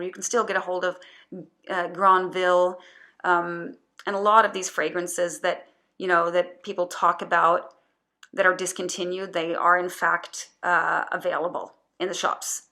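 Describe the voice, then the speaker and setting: Bright-voiced woman reviewing perfumes. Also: on the low side. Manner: chatty, hesitant, many restarts and fillers. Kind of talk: casual product review.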